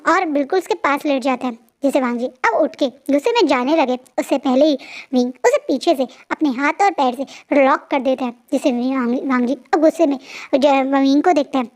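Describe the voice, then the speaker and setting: A woman's voice: high-pitched, moderate pace. A woman retelling a fan fiction story in a chatty, casual way, often restarting her words.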